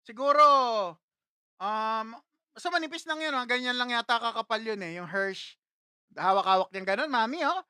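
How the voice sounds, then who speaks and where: A man's voice: very high voice, lively intonation, moderate pace, sharp tone, clear, resonant tone, no echo, clean studio sound. A man hosting a casual livestream, telling a childhood story in a chatty way, laughing often and talking straight to his viewers. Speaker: livestream host.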